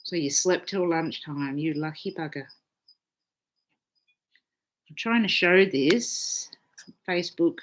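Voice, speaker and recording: A woman's voice: deep voice, takes it slowly, long pauses, slight background noise. A woman astrologer hosting a casual live stream, chatting freely, swearing often and reading out viewer comments.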